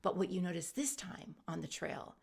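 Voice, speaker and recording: A woman's voice: lowish voice, expressive, normal speed, vocal fry, darkish tone, slightly rough. A woman YouTube coach in her thirties, casually talking viewers through an imagined journey with plenty of fillers. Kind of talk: guided imagery storytelling.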